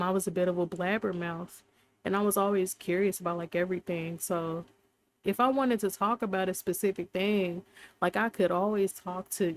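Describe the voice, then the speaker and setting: A young woman hosting a casual faith talk, rambling and heartfelt, with many fillers. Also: lowish voice. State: briefly emotional. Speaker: podcast host.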